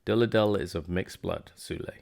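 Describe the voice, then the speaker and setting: Man reading as a dry sardonic foreign exile, deep, gravelly. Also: moderate pace, darkish tone. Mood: wry. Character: blunt foreign male exile, wry.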